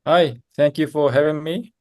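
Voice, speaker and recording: A man's voice: fairly high pitch, steady tone, normal speed, a little mellow. A middle-aged man from Japan, whose first language is Japanese, answering interview questions as a consultant, thoughtful, hesitating often as he works through examples. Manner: thoughtful, builds answers from stories, frequent hesitations. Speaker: lean management consultant, guest. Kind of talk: podcast interview.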